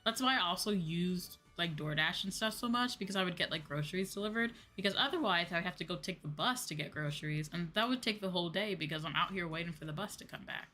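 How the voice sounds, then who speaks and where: Speaking quickly with few pauses, a woman with a voice on the low side sounds bright and forceful. She is an American VTuber host from the United States, casually rambling in slangy chatter on a livestream while background music plays.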